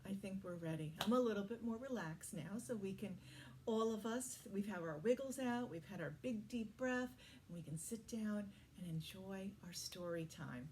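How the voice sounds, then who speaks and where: A woman's voice: mid-range voice, expressive, normal speed, a little mellow, a little hiss or hum. A woman working as a children's librarian, leading a toddler story time with encouraging, simple phrases, questions and praise for young children.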